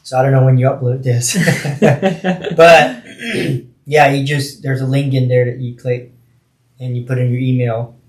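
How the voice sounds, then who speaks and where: Male podcast guest, mid-pitched, casual talk, noticeably roomy sound. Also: level tone, a little slow. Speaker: podcast guest, video creator. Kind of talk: casual chat.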